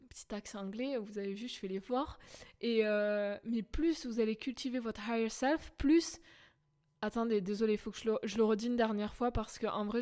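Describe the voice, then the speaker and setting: A young woman talks earnestly on her own podcast, circling back over her words with plenty of fillers. Her voice is mellow and warm, sitting at an ordinary middle pitch. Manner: chatty and earnest, frequent fillers and self-repeats. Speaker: podcast host. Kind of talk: casual personal monologue.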